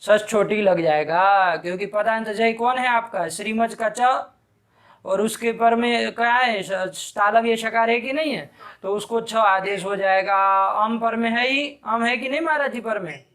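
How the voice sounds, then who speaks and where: Students in a live Sanskrit grammar class are quizzed briskly by a man with a high, fairly bright voice, who scolds them sharply when their answers are wrong.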